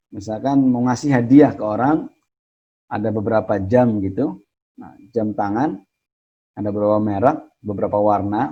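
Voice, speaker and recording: A man with an Indonesian accent, an Indonesian speaker, teaches in a relaxed, warm voice with a breathy edge. He explains patiently and repeats each example phrase slowly. The recording is slightly dull and lo-fi. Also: medium pitch. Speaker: Arabic teacher. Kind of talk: casual online lesson.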